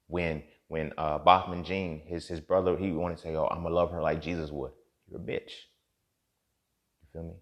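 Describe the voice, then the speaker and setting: A man in his thirties giving a profane, impassioned monologue as a podcast host, swinging from low muttering to loud outbursts. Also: lo-fi sound. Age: 30s.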